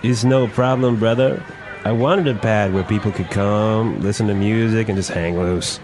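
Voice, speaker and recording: A man's voice: fairly low pitch, steady tone, moderate pace, natural voice. A man playing a chilled-out young 1960s hippie who drawls easygoing slang, with music behind him. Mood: mellow.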